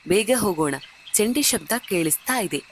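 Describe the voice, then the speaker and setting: A woman's voice: medium pitch, animated, moderate pace, a little hiss or hum, natural voice. A woman narrator voicing an eager young woman, the younger of two sisters, who talks with urgency.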